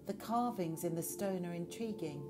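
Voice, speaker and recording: Woman reading a guided meditation, low voice, slow and soft, loud music under it. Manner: slow, soothing, second-person. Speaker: narrator.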